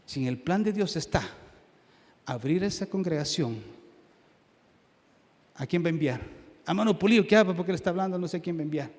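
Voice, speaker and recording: A man pastor preaching a sermon in church, swinging between loud, forceful passages and hushed, quiet ones. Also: fairly high pitch, lively intonation, fairly quick, pauses often, in a large hall. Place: church sanctuary.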